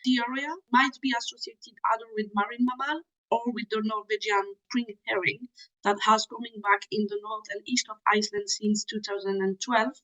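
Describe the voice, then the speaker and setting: A young woman from Switzerland, a PhD student, giving methodical explanatory interview answers with frequent small pauses. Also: mid-range voice, steady tone, sharp tone, rough recording.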